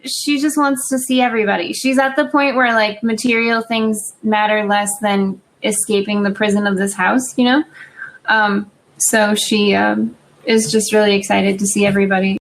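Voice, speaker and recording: A woman's voice: mid-range voice, level tone, moderate pace, gravelly. A woman in her thirties, co-hosting a podcast, chatting casually over a remote call and often restarting her sentences. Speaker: podcast co-host. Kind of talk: casual chat.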